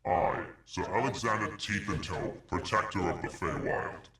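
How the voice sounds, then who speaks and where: A man's voice: deep voice, moderate pace, pushed and bright, echoey room, distant mic, pitched below the performer's own voice. A man playing a pompous triumphant paladin. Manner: triumphant, grandiose declaiming. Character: pompous male paladin declaring grand made-up titles.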